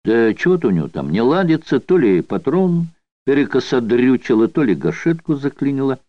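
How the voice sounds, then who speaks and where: A male audiobook reader voicing an unhurried, slangy convict storyteller who mocks with coarse barracks slang. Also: mid-range voice, big pitch swings, no echo, natural voice. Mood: mocking. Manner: coarse barracks slang, mocking yarn-spinning. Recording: dull dry studio recording.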